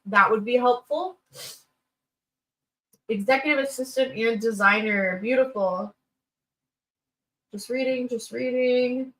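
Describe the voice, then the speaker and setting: Poor audio carries a woman's slightly high, bright, forceful voice as she hosts a livestream reviewing resumes. Her feedback is informal and blunt, chatty and unscripted, and she thinks aloud with little sing-song filler sounds.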